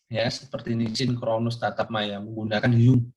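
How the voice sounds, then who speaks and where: A man's voice: mid-range voice, little pitch movement, normal speed, a little mellow, lo-fi sound. An older man giving a recorded course lecture, rambling with many fillers and questions put to his students.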